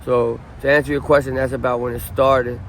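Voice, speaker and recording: A man from Southern California in his late thirties speaks briskly in a casual street interview outdoors. His pitch holds level, and his relaxed, rambling talk is full of ums, fillers, and restarts. Faint city noise hangs behind him.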